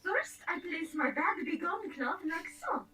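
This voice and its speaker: A woman's voice: very high voice, sing-song, measured pace, sharp tone, exaggerated voice. A woman voicing a scheming cartoon villainess who poses as a grand, mystical fortune teller with portentous patter. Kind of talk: dubbed anime cartoon acting. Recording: cartoon soundtrack with music behind.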